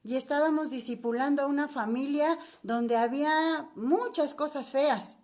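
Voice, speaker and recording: Older mexican lady teaching bible study, high voice, chatty, keeps asking the listener questions. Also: moderate pace, darkish tone.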